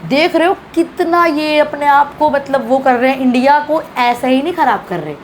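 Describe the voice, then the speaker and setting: A woman's voice: high voice, moderate pace, slight background noise. A woman from Bihar, India, giving a heated, indignant reaction rant full of swearing. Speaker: social media creator.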